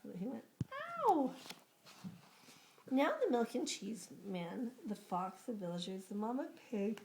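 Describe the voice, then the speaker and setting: A woman reading a picture book aloud to young children in an animated way, pausing to ask them questions. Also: mid-range voice, a little hiss or hum, poor audio. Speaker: storybook reader.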